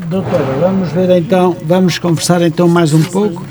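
A man's voice: sits high, flat delivery, a little fast. A man with a European Portuguese accent hosting a live radio call-in interview, courteous and conversational. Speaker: radio host. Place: radio studio. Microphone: studio microphone.

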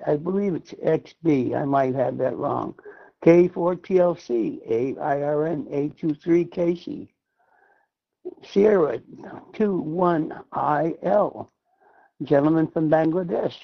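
A man running a radio net with a gravelly, fairly high voice, heard over fading shortwave radio. The sound is dull and lo-fi, and his level dips as the signal fades. He speaks in a measured, formal on-air style and spells out call signs. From Massachusetts, USA. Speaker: net control operator. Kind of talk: amateur radio net procedure.

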